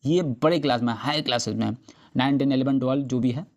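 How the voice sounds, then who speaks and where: A man's voice: mid-range voice, dull audio. A man teaching an exam-prep class, explaining each point in Hindi with English terms and repeating key ideas with frequent checks that students follow. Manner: reads English slide phrases slowly.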